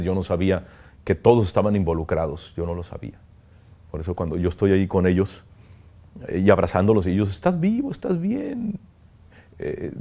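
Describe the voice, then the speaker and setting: A man, a priest giving an emotional interview, speaking earnestly and haltingly, often pausing to reflect. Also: deep voice, dark tone. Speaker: priest, kidnapping survivor interviewee.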